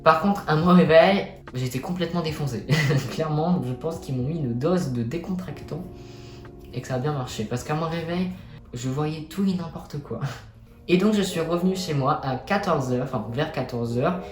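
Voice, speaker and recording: A man's voice: on the high side, moderate pace, soft background music. A young man telling a personal story to viewers in a chatty, colloquial, self-deprecating way. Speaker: vlogger. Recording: echoey room.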